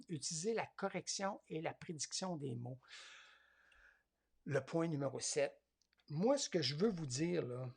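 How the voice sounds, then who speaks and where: A man's voice: a little high, gravelly, breathy edge. A man with a Quebec French accent teaching a tablet class, hesitant and thinking aloud as he demonstrates step by step. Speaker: tablet course instructor.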